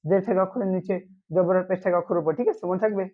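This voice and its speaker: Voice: mid-range voice, steady tone, rapid-fire, phone-quality sound. A Quran reading teacher giving an online lesson, asking short questions and answering them himself.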